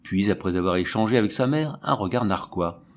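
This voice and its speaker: Low-voiced male audiobook narrator. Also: animated. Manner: dramatic, measured.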